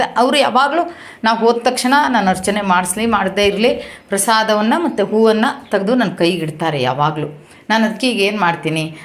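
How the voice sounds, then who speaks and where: Kannada woman telling a story. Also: medium pitch. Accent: Kannada, Uttara Kannada. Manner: retells conversations, acting out quoted speakers. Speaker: vlogger recounting a temple visit. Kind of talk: storytelling monologue.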